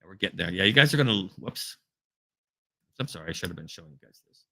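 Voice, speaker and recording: A man's voice: low-pitched, expressive, fast, creaky, sharp tone. A man giving an informal Bible teaching, telling personal stories in a conversational way with frequent restarts. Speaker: preacher.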